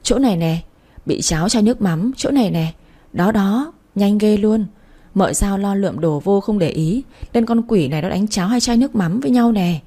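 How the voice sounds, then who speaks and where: Brief: a woman doing a feisty young maid, loud and accusing, mellow tone. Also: mid-range voice, normal speed, lightly acted. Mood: insistent. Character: outspoken young female servant girl, blunt and fiery.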